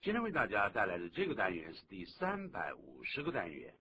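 An older man hosting a bilingual radio English lesson, explaining phrases in a lively way and acting out little scenes. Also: on the low side, a little fast. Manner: lively explaining, acts out complaints. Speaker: English teacher, radio host. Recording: dull lo-fi radio recording with noise.

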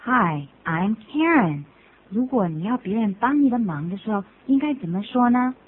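A woman co-hosting a radio English lesson, reading model phrases slowly and clearly. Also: a little high, lively intonation. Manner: slow, careful English demonstrations. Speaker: co-host reading English dialogue. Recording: tinny phone-like radio audio with faint hiss.

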